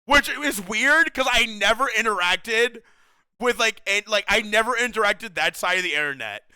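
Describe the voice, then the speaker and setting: A young man chatting casually with his stream viewers, excitable and slangy, saying "bro" a lot and laughing often. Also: high-pitched, normal speed, clear, resonant tone, dry recording.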